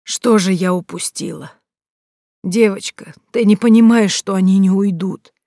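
A woman reading an audiobook, voicing a stern old village grandmother who scolds in a shrill, raised voice. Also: moderate pace, darkish tone, dry recording, studio quality, lightly acted. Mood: grave.

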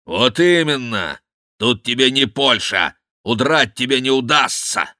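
A man's voice: low-pitched, lively intonation, slow, sharp tone, no echo, studio quality, exaggerated voice. A man voicing a fat, brazen monk who bellows and mocks, preaching with scorn in an audiobook reading. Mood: scornful.

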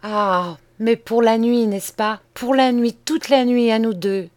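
A woman's voice: on the high side, takes it slowly, darkish tone, no room sound, voice pushed up. A woman reader voicing an ardent young woman lover who pleads tenderly and breathlessly. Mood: yearning.

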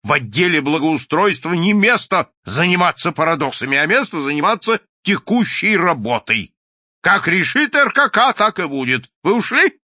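A man doing a loud, pompous bureaucrat boss. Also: fairly high pitch, sing-song, moderate pace, dry recording, lo-fi sound, voice pushed up, full character voice. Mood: dismissive. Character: hot-tempered bureaucrat boss, pompous middle-aged man.

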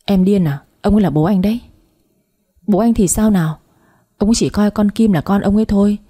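A woman voicing a scheming young stepmother, shrill and quarrelsome, in a spoken story. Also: fairly quick, dark tone, slightly rough, close to an everyday voice. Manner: shrill, nagging.

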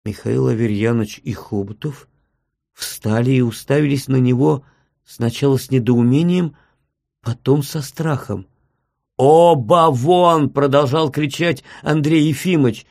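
A man narrating classic prose in a measured, even storytelling voice. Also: mid-range voice, creaky, dry recording, studio quality. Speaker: audiobook narrator.

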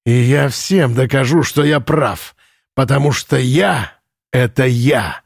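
A drunken male camp commandant in an audiobook, bellowing and ranting in a raised, strained voice, as a male reader acts him out. He bullies and raves in furious outbursts that swing up high. The sound is dry and close. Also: very animated, drawn-out words, creaky, no room sound, full character voice. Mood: grandiose. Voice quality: shrill, furious shouting. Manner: ranting, unhinged, bullying. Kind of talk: audiobook character reading.

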